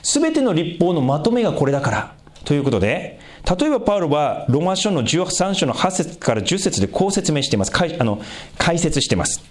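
A man giving a conversational sermon as a pastor, asking the congregation questions and swinging his pitch for emphasis. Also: big pitch swings, fast.

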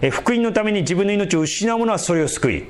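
A male pastor giving an emphatic, animated sermon. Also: high voice, a little fast.

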